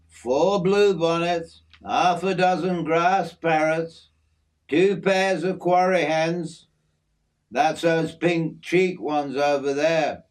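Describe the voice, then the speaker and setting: Speaking slowly and without hurry, a man performs a character voice of a friendly, middle-aged Australian working bloke, pitched somewhat higher than his own, with a broad, matey, slang-filled drawl. He sounds proud, like a storybook dad showing off his backyard.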